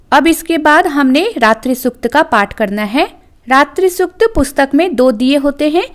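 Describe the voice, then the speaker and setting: A woman presenting a devotional channel, calmly explaining a ritual step by step in scripted narration. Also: high-pitched.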